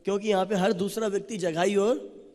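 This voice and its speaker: A man voicing a gentle, saintly man who pleads slowly and earnestly for mercy, speaking his lines within a sermon. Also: high voice, fairly even intonation, natural voice. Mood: pleading. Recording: long reverb of a large hall.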